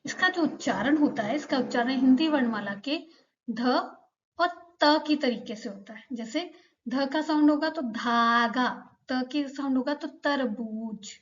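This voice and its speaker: A woman teacher with a slightly high voice gives a patient lesson at a very slow pace. She repeats each sound slowly, and the recording is a bit dull and lo-fi. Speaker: Korean language teacher.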